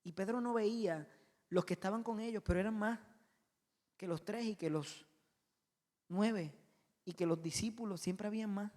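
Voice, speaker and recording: A male pastor preaching a sermon with passion, swinging between loud emphasis and soft asides. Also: high-pitched, moderate pace, long pauses, in a large hall. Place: church auditorium.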